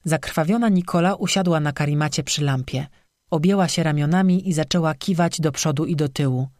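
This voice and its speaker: Steady audiobook narrator, dry close sound. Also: mid-range voice, brisk, no room sound.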